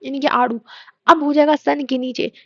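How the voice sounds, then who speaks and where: Brief: high, gravelly female teacher, hoarse with a cold, quizzes and answers herself, dull dry lo-fi audio. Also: fairly even intonation, no room sound. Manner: asks the class questions and answers them herself; slows down to chant mnemonic lines. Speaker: biology teacher. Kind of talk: exam-prep lesson with memory tricks.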